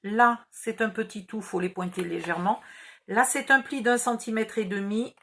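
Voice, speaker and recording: Woman, southern French accent, craft tutorial host, chatty and patient, medium pitch. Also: moderate pace, a bit bright, slight background noise. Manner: chatty, patient, explains each gesture. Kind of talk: step-by-step craft instructions.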